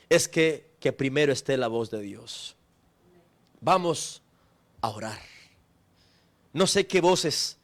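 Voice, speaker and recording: A middle-aged man preaching a sermon as pastor, with an emphatic, repetitive cadence. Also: on the high side.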